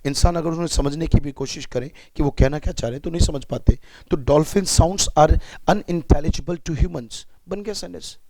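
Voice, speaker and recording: A man's voice: on the high side, normal speed, hardly any pauses, dark tone, no echo. A man with an Indian accent teaching English vocabulary. He breaks words into parts and asks students to repeat after him. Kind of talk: vocabulary lesson.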